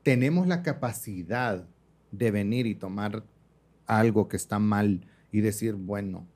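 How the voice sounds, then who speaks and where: A young man with a fairly low voice and a measured pace chats as a makeup artist guest in a casual interview. He tells his stories with animation, acting out the voices of the people he quotes and laughing often.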